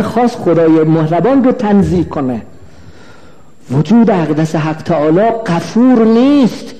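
A male cleric giving a religious lecture, slow and emphatic, repeating phrases and asking the audience questions. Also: a little high, warm tone. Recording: long hall reverb.

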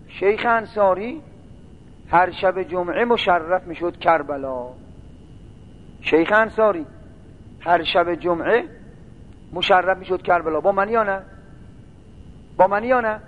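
A man preaching a sermon, telling a long religious story and building into mournful chanting. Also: sits high. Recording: tinny phone-like sound with faint noise.

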